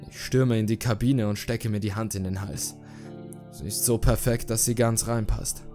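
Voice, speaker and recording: A man narrates a horror story in a steady, measured reading voice. His pitch sits on the lower side. Faint background music runs under his words.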